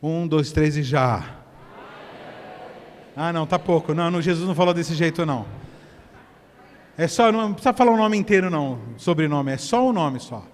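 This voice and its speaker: A Brazilian man preaching a sermon at a church service, swinging from hushed to loud as he directs the congregation. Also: fairly high pitch, lively intonation, normal speed, long pauses, long reverb tail, slight background noise. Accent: Brazilian Portuguese. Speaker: pastor.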